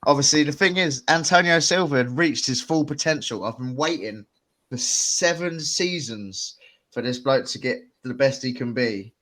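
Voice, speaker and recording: A young man, talking loosely and joking with friends on a podcast. His voice sits at an ordinary middle pitch. He chuckles between lines and keeps the chat relaxed. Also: moderate pace. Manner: laid-back, jokey, chuckling. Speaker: podcast co-host. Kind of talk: casual chat.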